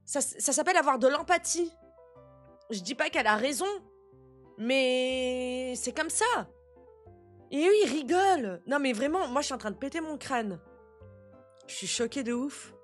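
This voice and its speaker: Jeune femme outrée qui commente. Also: female voice, high-pitched, unhurried, long pauses, faint music behind. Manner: animated, outraged, slangy. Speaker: reaction video host. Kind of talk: casual reaction commentary.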